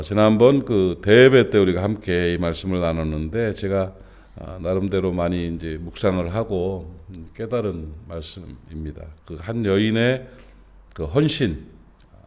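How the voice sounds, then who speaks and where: A man's voice: low-pitched, a little mellow. A middle-aged man, a senior pastor, preaching a dawn service sermon in a conversational way, with rhetorical questions and many fillers, rising to emphasis on his main points.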